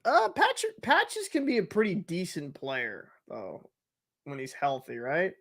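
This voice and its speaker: Young male streamer, slightly high voice, casual rambling chat and play-by-play. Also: sing-song, a little slow, vocal fry, fairly bright tone. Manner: chatty, joking, answers live chat, loose and rambling. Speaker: livestream host. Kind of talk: casual watch-party chat and commentary.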